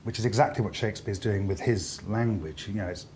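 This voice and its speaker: Enthusiastic low-voiced man. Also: brisk, darkish tone, a little hiss or hum. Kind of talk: interview talk.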